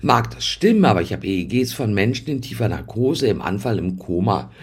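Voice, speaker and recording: A man's voice: lowish voice, sing-song, fairly quick, breathy edge. A man voicing a matter-of-fact female neurologist, factual and questioning. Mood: challenging.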